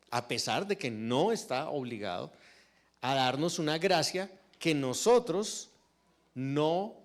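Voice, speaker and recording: A man preaching a sermon in a church, teaching through rhetorical questions to the congregation. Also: on the high side. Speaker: pastor.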